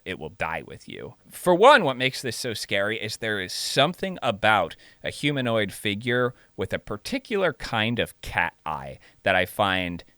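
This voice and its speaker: Deep-voiced man musing on film. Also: pushed and bright, smooth, no echo. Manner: slow, reflective, drawn-out phrasing. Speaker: podcast co-host. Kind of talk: casual film discussion.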